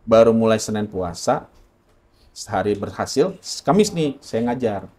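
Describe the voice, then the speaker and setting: A man's voice: fairly low pitch, expressive, measured pace, a little mellow. A man from Indonesia telling his personal story in an interview, earnest and correcting himself often.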